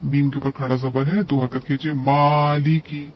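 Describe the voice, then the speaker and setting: A man's voice: on the high side, flat delivery, unhurried. A man teaching tajweed, breaking words into letters and drawing out the recited syllables between plain explanations. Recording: dull lo-fi recording.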